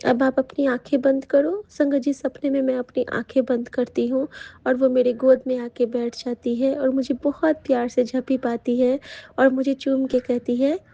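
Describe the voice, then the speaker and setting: A woman giving a heartfelt devotional testimony to the congregation, hesitating often with soft fillers. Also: sits high, flat delivery, moderate pace, creaky, no echo, highs cut off. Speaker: devotee sharing a satsang testimony. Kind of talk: devotional testimony, addressing the sangat.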